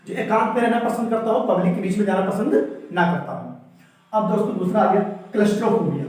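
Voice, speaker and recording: A high-pitched man teaches a vocabulary lesson in a strongly echoing room. He explains each word, then asks the viewer to repeat it back. He sits well away from the mic. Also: warm tone. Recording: echoey room, mic far off.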